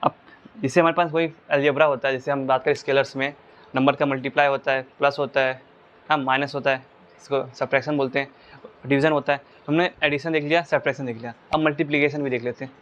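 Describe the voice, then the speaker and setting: A man's voice: medium pitch, fairly even intonation, fast talker, fairly bright tone, dull audio. Man teaching physics step by step. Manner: explains step by step, asking the class rhetorical check questions. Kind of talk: whiteboard physics lesson.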